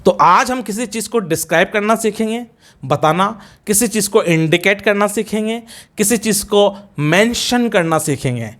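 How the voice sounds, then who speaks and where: With a high-pitched, expressive and fairly bright voice, a middle-aged Indian-accented teacher goes over grammar in class. He drills example sentences slowly and deliberately, moving back and forth between Hindi and English.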